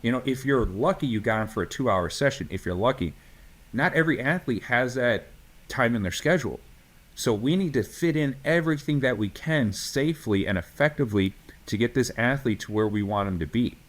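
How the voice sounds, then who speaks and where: A man's voice: mid-range voice, expressive, a little fast. A man co-hosting a podcast as a strength coach, talking casually and ranting with passion, swearing freely, full of fillers and restarts.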